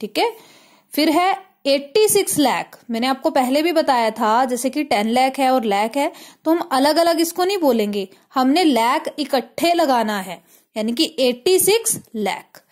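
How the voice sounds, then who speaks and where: A woman with an Indian accent teaching a math lesson step by step, mixing English words in and often checking "clear?". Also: high voice, expressive, a little slow. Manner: mixes English terms into Hindi.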